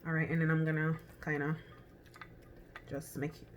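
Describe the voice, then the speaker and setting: Cooking in her home kitchen, a Jamaican-accented vlogger speaks at normal speed in a deep, level voice. The audio is very noisy, and her casual talk is full of ums and restarts as she thinks aloud.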